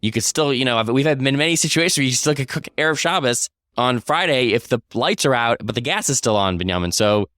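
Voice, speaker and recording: A man's voice: mid-range voice, animated, quick pace, few pauses, a bit bright, dry recording, clean studio sound. A man co-hosting a political podcast, talking confidently and with emphasis. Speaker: podcast co-host.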